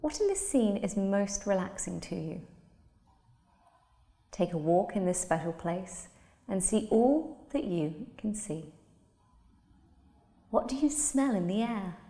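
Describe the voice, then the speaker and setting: A woman leads a guided relaxation in a soft, soothing voice, taking her time over every phrase. Her tone is warm and mellow, and the sound carries a long, roomy reverb as if in a large hall. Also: mid-range voice, lively intonation. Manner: slow, soothing, soft-spoken delivery. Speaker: meditation guide.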